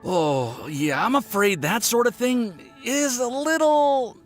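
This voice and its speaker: A man's voice: extremely high pitch, lively intonation, takes it slowly, heavily acted. A man playing a friendly, nervous young alchemist in an anime game, stammering and awkward as he talks. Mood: hesitant. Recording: music behind the voice.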